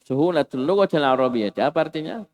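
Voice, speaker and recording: A man teaching an Arabic grammar lesson in a classroom, lively and animated, acting out exclamations for his students. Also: a little high, fast talker, big-room sound. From Indonesia.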